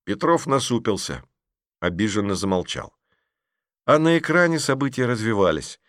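A man narrating a humorous children's story in a lively, expressive way. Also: on the low side, normal speed, no echo, clean studio sound. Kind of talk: storybook reading.

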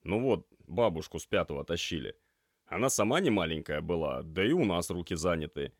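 A man's voice: low voice, expressive, brisk, no room sound, clean studio sound. A man voicing a tired, grumpy young male paramedic trainee who talks in a weary, grumbling way.

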